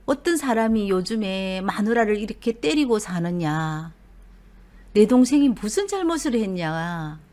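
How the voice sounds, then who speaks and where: A woman's voice: mid-range voice, animated, unhurried, dark tone. Middle-aged woman, conversational storyteller, confiding tone. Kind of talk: personal story narration.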